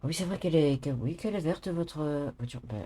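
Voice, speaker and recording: A man's voice: fairly high pitch, fast, warm tone, breathy edge. A man playing a mild, worried, clumsy Englishman in an online role-play, hesitating in simple, slightly broken French with an English accent. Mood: plaintive, chatty.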